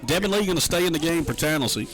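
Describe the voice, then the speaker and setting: A man doing live play-by-play of a baseball game at an outdoor ballpark, calling plays briskly and lifting his voice on big hits. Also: a little high, lively intonation, a bit bright. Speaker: play-by-play announcer. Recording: crowd noise from an outdoor ballgame.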